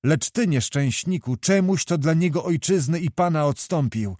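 A man's voice: fairly high pitch, expressive, moderate pace, darkish tone, no echo, studio quality, voice pushed up. A man voicing a small, stern knight in armor.

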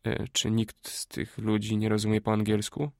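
A man reading a Greek adviser in an audiobook, speaking quietly, slowly and persuasively. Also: on the low side, monotone, no room sound, studio quality, natural voice. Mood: hushed persuasive. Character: a scheming older Greek man, hushed adviser.

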